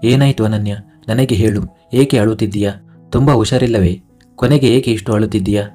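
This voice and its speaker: A man voicing a caring, protective young husband from a storybook, asking softly and with concern. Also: lowish voice, fairly quick, soft background music, close to an everyday voice.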